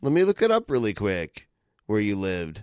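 A man's voice: fairly low pitch, huge pitch swings, moderate pace, a little mellow, clean tone, no room sound, studio quality. A man, needling and skeptical in a casual debate.

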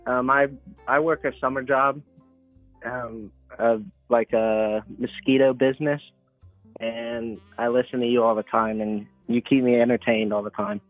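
Caller, young man on speakerphone, halting and polite, thin phone-line sound. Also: mid-range voice, flat delivery, no room sound, faint music behind. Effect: on speakerphone over a phone line. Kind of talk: casual chat. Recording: tinny dry phone line.

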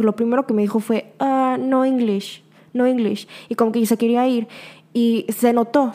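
Young woman, Mexican accent, podcast host, chatty and animated, slightly high voice. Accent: Mexican Spanish. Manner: chatty and animated, acts out quoted lines, laughs often. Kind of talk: casual monologue answering a listener's voice message.

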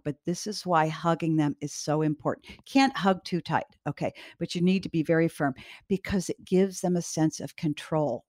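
Calm, firm woman giving parenting advice. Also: deep voice, no echo, clean studio sound. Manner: calm, firm, reassuring, speaks straight to parents. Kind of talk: direct parenting advice talk.

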